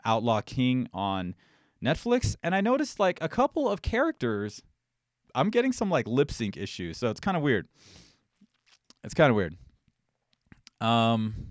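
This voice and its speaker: A man's voice: medium pitch, no room sound, studio quality. A man hosting a live-stream Q&A, chatting loosely and getting heated and swearing as he rambles. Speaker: host.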